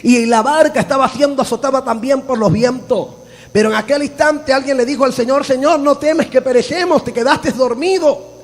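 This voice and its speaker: A man preaching a sermon, fervent and often shouting, telling stories with laughter. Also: very high voice, normal speed. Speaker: pastor. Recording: long hall reverb.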